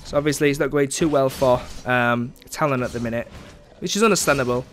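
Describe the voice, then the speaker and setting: A man's voice: medium pitch, a little fast, slight background noise. A young man giving casual, chatty commentary over his own gameplay, sarcastic about his teammates and dropping frequent ums.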